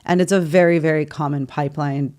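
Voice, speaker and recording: A woman's voice: sits low, steady tone, brisk, a little mellow. A woman in her thirties from Virginia, chatting playfully and openly as a podcast guest. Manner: chatty, playful, laughs easily. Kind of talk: casual interview chat.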